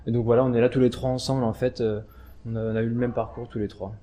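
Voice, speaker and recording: Mellow male interpreter voice, hesitant. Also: medium pitch, little pitch movement, fast, a little hiss or hum. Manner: hesitant, many fillers and restarts. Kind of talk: first-person introductions in interview.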